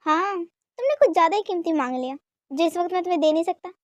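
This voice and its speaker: A woman's voice: very high voice, lively intonation, fast talker, a little mellow, dry recording, clean studio sound. A woman voicing an indulgent, evasive young husband who hesitates and stammers in an amateur romantic fan dub.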